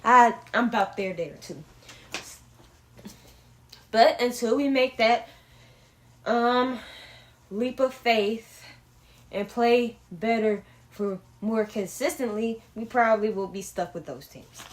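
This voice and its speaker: A woman's voice: on the high side, takes it slowly, pauses often. Blunt, opinionated young woman on sports. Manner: blunt, opinionated, swears often. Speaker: sports podcast host. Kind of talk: casual sports talk.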